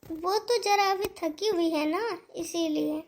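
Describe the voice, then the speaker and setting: A woman voicing an ailing, kindly old mother-in-law in a cartoon story, speaking softly and pleadingly. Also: very high voice, takes it slowly, full character voice. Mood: gentle. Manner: soft, pleading, fond.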